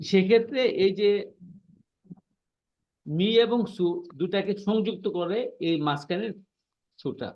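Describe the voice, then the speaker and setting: Male language teacher, fairly high voice, patient and repetitive, checks understanding often; muffled online-class audio. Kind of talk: online class explaining pronunciation.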